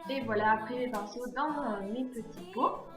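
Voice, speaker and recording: A woman's voice: a little high, normal speed. Hesitant woman narrating a craft tutorial. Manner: hesitant, full of fillers and self-corrections. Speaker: DIY craft vlogger. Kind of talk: DIY tutorial voice-over. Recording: echoey room with background music. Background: guitar music.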